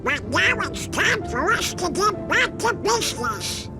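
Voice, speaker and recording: A man voicing a feisty, loyal little cartoon duck in a video game, with a raspy, garbled quack of a voice. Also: very high-pitched, very animated, unhurried, heavily acted. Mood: earnest. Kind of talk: animated game voice acting. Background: game music.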